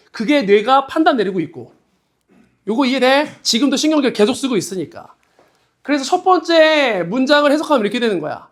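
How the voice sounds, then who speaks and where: A male high school biology teacher giving a casual classroom lecture, teasing his students and firing quick questions at them. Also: a bit bright.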